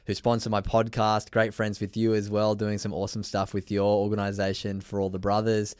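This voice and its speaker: A man's voice: fairly low pitch, completely flat delivery, brisk, a little mellow, clear, resonant tone, no echo, studio quality. A man hosting a casual podcast interview, upbeat and chatty, calling his guest mate. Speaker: podcast host. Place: indoors, travelling in New Zealand.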